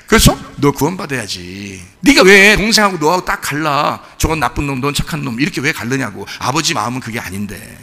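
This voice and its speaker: A man's voice: a little high, lively intonation, fast talker, vocal fry, hardly any pauses, pushed and bright, big-room sound. A man, a pastor, preaching a sermon in a conversational way, often asking the congregation questions.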